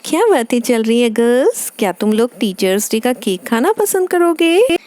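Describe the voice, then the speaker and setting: A woman's voice: a little high, sing-song, normal speed, darkish tone, no room sound. A woman voicing a busy, caring mother in a toy doll play, chattering in a fussy, motherly way.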